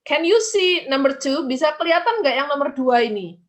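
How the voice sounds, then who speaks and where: High-voiced woman teaching an English class. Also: animated, normal speed. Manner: answers imagined student questions herself. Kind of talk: online class lesson.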